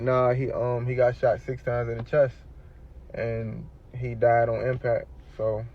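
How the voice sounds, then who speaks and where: A young man tells a personal story casually, acting out the quoted dialogue. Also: mid-range voice. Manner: loose, conversational retelling with quoted dialogue. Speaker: storyteller in a played clip. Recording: slightly dull lo-fi clip audio.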